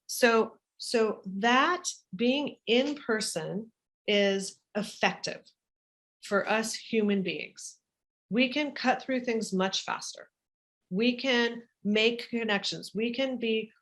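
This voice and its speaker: Woman guest, animated, emphatic, repeats herself for stress, video call. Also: medium pitch. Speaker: guest, business author. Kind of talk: casual interview chat.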